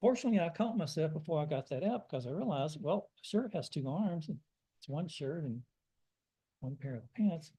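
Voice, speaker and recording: A man's voice: on the high side, animated, fairly quick, mellow, slightly rough, low-quality recording. An older American man telling folksy, self-deprecating stories in a sermon. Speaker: guest preacher. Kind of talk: storytelling sermon.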